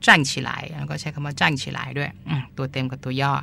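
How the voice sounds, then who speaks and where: A man's voice: mid-range voice, little pitch movement, fast talker, vocal fry, fairly bright tone, a little hiss or hum. A man hosting a podcast, chatting casually as he explains terms and often repeats them with polite particles. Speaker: podcast host and translator.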